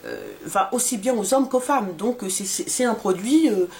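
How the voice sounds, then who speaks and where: A woman's voice: on the high side, moderate pace, darkish tone. A woman in her forties casually reviewing a skincare serum for her vlog, talking with many fillers and restarts. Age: 40s. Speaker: beauty vlogger.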